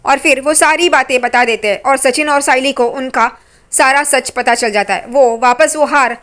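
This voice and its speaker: High-voiced woman chattily recapping a serial. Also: normal speed, fairly bright tone. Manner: chatty, teasing side comments on characters. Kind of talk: casual episode recap narration.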